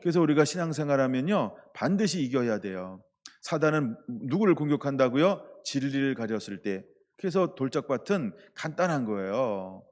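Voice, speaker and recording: A male pastor preaching a sermon in a playful, lively way, asking the congregation questions and acting out little quotes. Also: fairly high pitch, big-room sound. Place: church.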